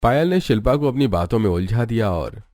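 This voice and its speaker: A man narrating a cartoon story in an even storytelling way. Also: lowish voice, brisk.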